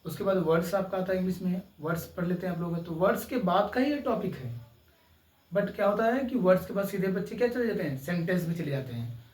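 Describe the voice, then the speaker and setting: A man, teaching a slow YouTube grammar lesson and often checking in with his students. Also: high voice, animated, a little mellow, echoey room, recorded from a distance, rough recording. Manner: slow, drawn-out explaining with frequent "ठीक है" checks. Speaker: English teacher.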